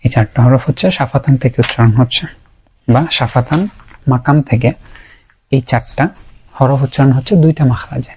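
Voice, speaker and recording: A man's voice: medium pitch, steady tone, fairly quick, long pauses, darkish tone, husky. A man teaching Quran pronunciation in a lesson, patiently repeating each sound to show it. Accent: Bangladeshi Bengali. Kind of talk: explanatory lesson.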